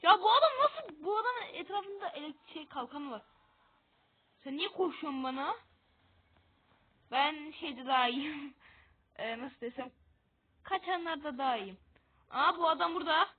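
A woman with a high voice talks through her game in casual commentary. She is excitable and quick to mock her own losses. The audio is narrow and tinny, like a phone line. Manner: excitable, self-mocking about losing. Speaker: gamer.

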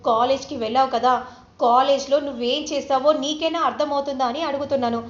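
A woman voicing an angry, stern middle-aged father who scolds loudly, in an echoey room. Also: sits high, steady tone, fast talker, close to an everyday voice. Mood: angry scolding. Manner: loud scolding, raised voice. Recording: roomy, slightly dull recording.

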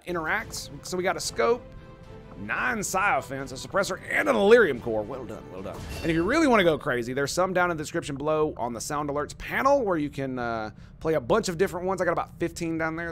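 A man casually commentating his strategy game on a live stream, swearing and groaning at his own mistakes. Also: fairly high pitch.

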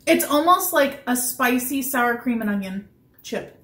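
A woman's voice: a little high, expressive, a little slow, a bit bright. An American woman in her thirties chatting casually as she co-hosts a snack review. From Chicago, US. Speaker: food review co-host. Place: indoors, small room on a sofa. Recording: roomy echo, clear background noise.

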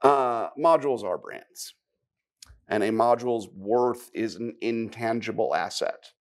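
A man giving a live technical conference talk, conversational, with wry asides and quick questions to the audience. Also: fairly low pitch. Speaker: conference speaker.

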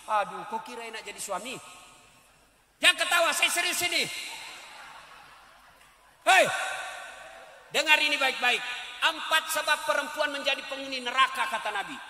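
A middle-aged man preaching a lively, joking sermon, acting out wives and husbands in put-on voices. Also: very high-pitched, moderate pace, long pauses. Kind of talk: sermon at a large public gathering. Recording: echoey hall with long reverb.

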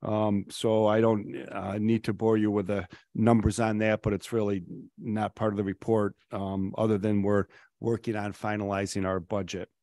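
A man's voice: on the low side, little pitch movement, moderate pace, warm tone, no echo. Rambling middle-aged man, dry council mic. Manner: rambling, many ums, enthusiastic. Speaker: city councilor. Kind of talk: council meeting report. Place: city council chamber. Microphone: table microphone.

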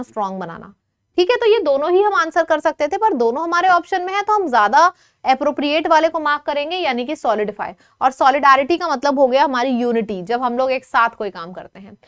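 A woman with a high voice runs an online vocabulary class at a brisk pace, keeping things lively and encouraging as she frequently quizzes her students.

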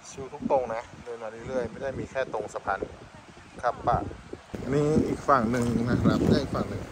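A man's voice: mid-range voice, brisk. A man giving casual, chatty travel commentary outdoors by a mountain river, thinking aloud as he walks and tastes food. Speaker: travel vlogger. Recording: loud outdoor background noise.

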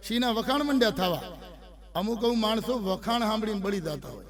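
A man's voice: high-pitched, lively intonation, brisk. A middle-aged man with a Gujarati accent, telling comic stories and voicing the people in them. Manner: storytelling with voiced quotes of characters. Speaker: comedian telling jokes. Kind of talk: Gujarati stand-up joke telling. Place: recording studio.

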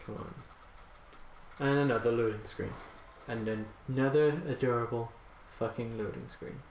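A man's voice: medium pitch, fairly even intonation, a little slow, pauses often, reverberant, a little hiss or hum. A man commentating a video game as he plays, joking crudely and swearing often. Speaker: let's play commentator. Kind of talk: casual gaming commentary.

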